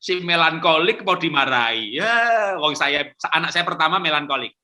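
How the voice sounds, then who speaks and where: Bright lively middle-aged man pastor. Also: on the high side, moderate pace. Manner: lively storytelling, acts out quotes, chuckles. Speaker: pastor answering parenting questions.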